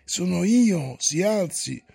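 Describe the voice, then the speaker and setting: A man voicing a stubborn, grumbling old manservant who keeps nagging and coaxing his master, in a husky, creaky voice. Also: high voice, expressive, slow pace, darkish tone, heavily acted.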